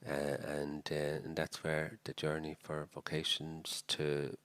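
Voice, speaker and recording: With no room sound, a rumbling low voice comes through slowly and completely flat, with a fairly bright tone. It belongs to a priest guest in his sixties from Dublin, Ireland, whose Dublin Irish accent carries his reflective interview answers, heavy with fillers and restarts.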